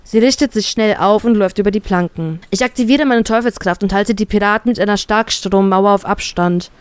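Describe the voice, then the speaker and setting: A woman calmly reading a first-person fanfiction story aloud. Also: medium pitch, a little fast, clean tone, dry recording. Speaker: fanfiction reader.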